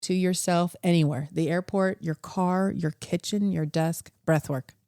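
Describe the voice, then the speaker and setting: A woman co-hosting a yoga podcast who works as a coach, telling stories in a lively way and mimicking her clients. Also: on the low side, unhurried, dry recording, clean studio sound. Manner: lively storytelling, mimics clients with sound effects. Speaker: fitness coach and podcast co-host. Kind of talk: casual podcast chat.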